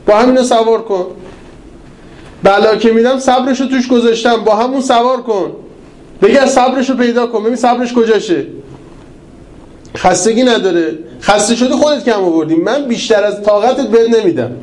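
A man's voice: very high-pitched, a little mellow. A male preacher giving a conversational, humorous sermon with acted asides. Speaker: cleric preacher. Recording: echoey room with faint ambience.

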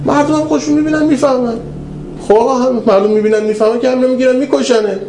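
A man gives a religious lecture in a high-pitched voice, telling stories with animation. He moves from raised to hushed delivery. The recording sounds roomy, like a hall, with faint ambience behind him. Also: gravelly, a little hiss or hum. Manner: animated storytelling, swings between raised and hushed. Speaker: preacher.

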